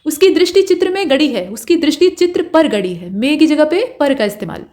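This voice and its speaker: High-voiced woman teaching spelling. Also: expressive, a little fast, darkish tone. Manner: explains step by step, correcting each wrong form. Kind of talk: exam-prep spelling lesson.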